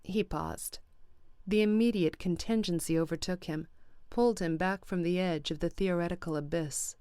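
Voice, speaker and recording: Audiobook narrator: woman, low-pitched, smooth, measured, dry close sound. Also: mellow, no echo.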